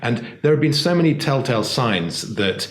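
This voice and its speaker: A man's voice: mid-range voice, big pitch swings, moderate pace. A British man in a political panel discussion, speaking with many fillers and restarts. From Britain. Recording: echoey room, faint noise.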